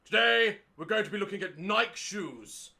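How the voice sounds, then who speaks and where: A man voicing a cheeky male sock puppet that hosts a channel, squeaky and mock-upbeat. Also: expressive, normal speed, bright, forceful tone, full character voice. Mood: chirpy. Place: home office.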